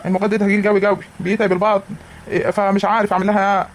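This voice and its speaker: A man's voice: high voice, little pitch movement, very fast, a little hiss or hum, natural voice. A man with an Egyptian accent voicing a practical middle-aged village husband in a cartoon comedy, plain and matter-of-fact. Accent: Egyptian Arabic. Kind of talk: animated cartoon acting.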